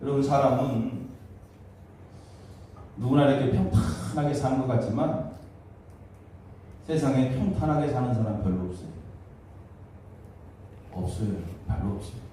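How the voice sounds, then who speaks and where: A male pastor delivers a sermon in a church sanctuary. His voice is mellow and somewhat higher-pitched, and it is picked up from a distance with heavy room echo. He drives his points home by repeating phrases and acting out the voices of complainers. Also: normal speed, long pauses, slight background noise. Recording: echoey church hall, mic at a distance.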